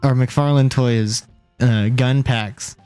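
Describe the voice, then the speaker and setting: A man's voice: mid-range voice, steady tone, takes it slowly, a little mellow, smooth, faint music behind, low-quality recording. A man co-hosting a casual toy livestream, joking and rambling as he chats and laughs along. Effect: voice changer at times. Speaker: co-host.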